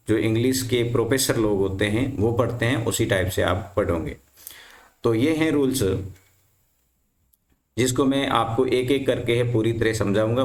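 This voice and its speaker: Man teaching in an echoey room. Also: mid-range voice. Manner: repeats questions to the class and answers them himself. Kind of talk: explaining English reading rules to students.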